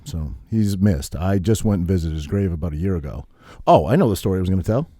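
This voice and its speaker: A man's voice: low voice, lively intonation, fast, mellow, no echo, studio quality. A man in his thirties co-hosting a podcast, telling stories in a casual, profane way and laughing at himself. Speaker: podcast co-host.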